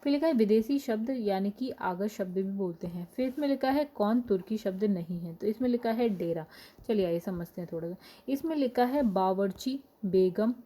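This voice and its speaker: Mellow-voiced woman teaching an exam-prep lesson. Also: medium pitch, moderate pace. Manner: explains answers in a steady listing way, with fillers. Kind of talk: exam-prep lesson, reading questions and word lists.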